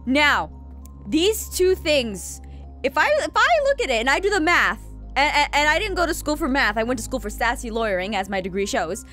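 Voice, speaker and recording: Woman playing a high-voiced, sassy bumbling lawyer. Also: lively intonation, pushed and bright, soft background music. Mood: mock-confident. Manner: theatrical, halting, self-important. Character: sassy, bumbling, overconfident young female defence lawyer. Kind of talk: improvised courtroom role-play.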